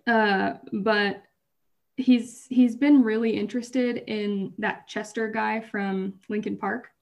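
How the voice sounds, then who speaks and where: Her voice is medium-pitched, steady and gravelly, and she takes her time. As a podcast co-host she rambles casually, breaking off mid-thought and laughing even while recounting hard experiences.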